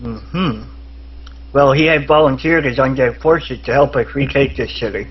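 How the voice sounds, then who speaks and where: A man's voice: medium pitch, moderate pace, slightly rough. A man playing a tabletop game, speaking earnestly in character, in a dull lo-fi recording. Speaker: player. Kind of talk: casual tabletop game chat.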